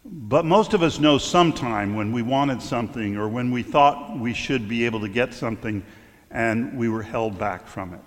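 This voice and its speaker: A middle-aged man delivers a sermon in a loose, storytelling way. He stumbles and restarts now and then, his voice at an ordinary pitch. The sound carries a long reverb, as in a large church hall. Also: moderate pace. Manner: conversational storytelling with stumbles and fillers. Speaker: clergyman.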